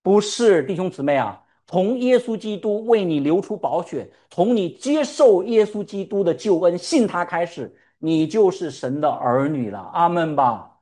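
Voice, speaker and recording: A man's voice: high voice, animated, moderate pace, few pauses, warm tone. A male pastor preaching a sermon. He fires rhetorical questions at the congregation and calls for amens. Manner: calls for "amen" responses.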